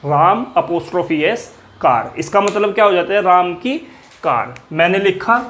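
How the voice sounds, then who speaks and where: Teaching English grammar to a class, a man poses questions and supplies the answers himself, repeating key words and dropping his voice whenever he answers. His voice sits high and sounds expressive and fairly bright, at a normal speed, and his style is repetitive.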